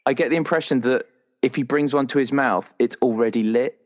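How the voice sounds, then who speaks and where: A man with a mid-range voice talks a little fast, chatting casually and playfully as a roleplaying player while he invents a character. Now and then he slips into imagined dialogue.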